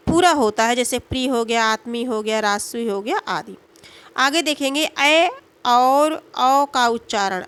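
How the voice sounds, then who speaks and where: A woman teaching a Hindi grammar lesson, asking the class questions and answering them herself, and sounding out letters slowly. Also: on the high side, fairly bright tone.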